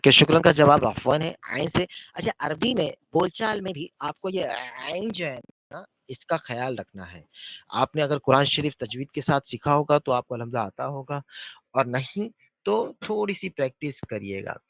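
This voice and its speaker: A man teaching a beginner Arabic class over a video call, patiently repeating words slowly for his students. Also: on the high side, lively intonation, creaky, a bit bright, no echo. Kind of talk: online beginner language lesson.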